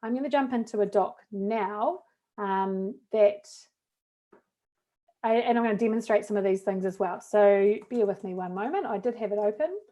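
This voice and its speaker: A woman with a New Zealand accent leads a live webinar for teachers, walking through classroom software step by step. Her voice is soft and mellow, her manner chatty and encouraging, with casual fillers along the way. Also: medium pitch. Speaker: teacher trainer. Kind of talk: live webinar tech demo.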